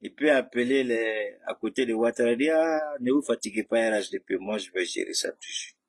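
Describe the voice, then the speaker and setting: A man's voice: medium pitch, brisk, breathy edge. A man giving a heated, mocking political commentary, speaking straight at his rivals. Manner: mocking, combative, addresses rivals directly.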